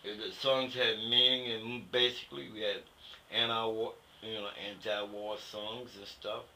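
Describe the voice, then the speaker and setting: In a lowish, flat, unhurried voice that still comes across bright and forceful, an older American man who served in Vietnam gives a conversational interview about the past. He's outspoken and informal, frequently saying "you know." The audio is poor, with faint noise behind it.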